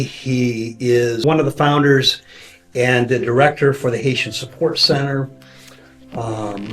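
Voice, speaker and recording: Man, pastor, earnest, fast talker, frequent restarts, mid-pitched voice. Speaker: pastor interviewing a church member. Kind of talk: casual conversational interview.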